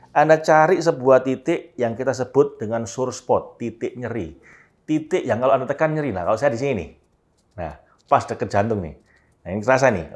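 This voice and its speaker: A man teaching a self-help prayer technique, speaking to listeners directly and dropping to a soft, slow murmur when reciting example prayers. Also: medium pitch. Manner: addresses listeners directly, demonstrating steps. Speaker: instructor.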